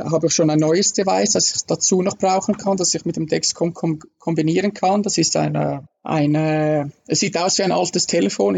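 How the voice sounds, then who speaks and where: A man, a guest in a casual interview, explaining slowly with many fillers. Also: fairly high pitch, vocal fry, breathy edge.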